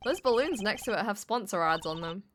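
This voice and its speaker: Woman as rookie male video game attorney, wry, exasperated, skeptical, medium pitch. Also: expressive, fairly quick, a bit bright, slight background noise, close to an everyday voice. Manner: dry, skeptical. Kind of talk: video game dub reading. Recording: music under the voice.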